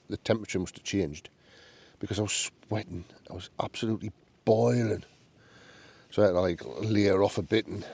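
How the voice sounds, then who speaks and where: This solo camper, a man with a Northern English accent, talks to camera from a small tent outdoors in a deep, warm voice. He chats casually, musing aloud in a down-to-earth, understated way.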